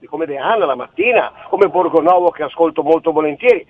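A man's voice: fairly high pitch, lively intonation, a little fast, no room sound. A man calling in to a radio talk show over a telephone line, arguing his point in an insistent, rambling way. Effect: heard over a telephone line. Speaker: caller. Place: on a phone, away from the studio. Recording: tinny phone line, dry.

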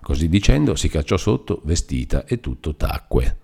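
A man narrating a classic novel aloud in an expressive storytelling manner. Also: extremely low pitch, normal speed, vocal fry, husky. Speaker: audiobook narrator.

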